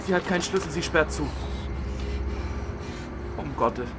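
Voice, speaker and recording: A young man reacting to horror videos, animated and jokey, with mock fear and shouts at the screen. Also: fairly high pitch, a little slow, heavy background noise. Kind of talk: reaction commentary. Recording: music in the background.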